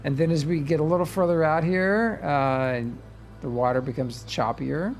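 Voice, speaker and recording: Excited guy streaming a game, talks loose w lots of uh's, faint music underneath. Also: fairly high pitch, normal speed. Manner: enthusiastic, chatty, trails off with fillers. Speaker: streamer host. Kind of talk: casual livestream chat.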